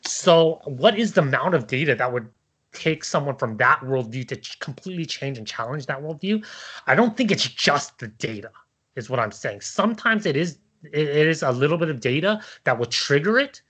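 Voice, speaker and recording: A slightly high, animated male voice at normal speed, fairly bright and a little rough. He's in a casual debate, thinking aloud in a hesitant, rambling way and often using tag questions to check that others agree.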